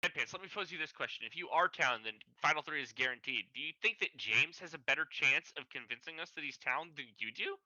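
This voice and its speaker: A man speaking into a headset that makes him sound thin and tinny, with no bass at all. His tone is bright and cutting, his pitch a little high. He argues insistently, repeating words and stammering as he jumps in. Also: expressive, quick pace, hardly any pauses, no room sound. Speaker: player in an online Mafia game. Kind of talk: heated voice-chat debate. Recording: tinny dry headset mic.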